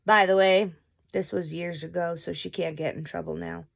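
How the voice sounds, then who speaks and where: A young adult woman vlogger tells a story in a casual, animated way and swears freely. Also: lowish voice, moderate pace, creaky. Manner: animated, profane, chatty.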